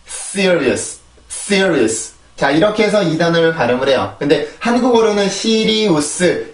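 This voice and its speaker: A man with a Korean accent teaching English pronunciation, repeating drill words and asking rhetorical questions. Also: on the high side. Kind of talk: pronunciation lesson. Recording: echoey room, voice a bit far from the mic.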